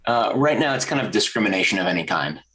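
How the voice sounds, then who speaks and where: On a rough recording with a bit of hiss or hum, a man from the American South speaks fast with a fairly low pitch. As a creative director and podcast guest, he spins casual stories with energy, voicing the people he quotes.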